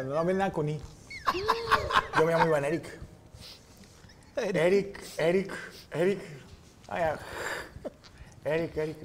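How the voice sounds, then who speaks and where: Brief: man, podcast host, fairly high voice, lively profane storyteller, faint hiss behind. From Monterrey, Mexico. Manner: animated and profane, acting out other people's lines. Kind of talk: casual storytelling chat.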